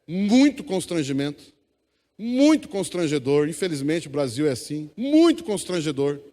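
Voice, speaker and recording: A Brazilian man preaches from the pulpit with a notably high voice, urging the congregation to answer and repeat after him. His voice rings out with the long reverb of a church hall. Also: sing-song, moderate pace, mellow. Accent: Brazilian Portuguese. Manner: exhorting congregation, call-and-response. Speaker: pastor. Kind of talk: sermon.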